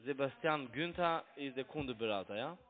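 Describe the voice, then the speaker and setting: A young man with a foreign accent, whose first language isn't German, is a phone scam caller locked in an argument. He pushes his point again and again in broken, non-native speech, sounding animated at medium pitch and a moderate pace. The line is tinny and narrow-band.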